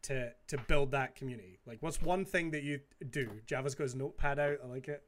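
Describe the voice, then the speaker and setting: A man's voice: mid-range voice, brisk. A man casually hosting a panel in natural unscripted talk, passing questions around. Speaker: panel host.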